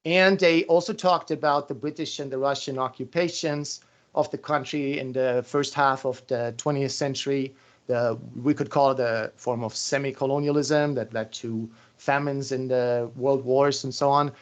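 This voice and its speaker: Man asking long, deliberate interview questions. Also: mid-range voice, steady tone.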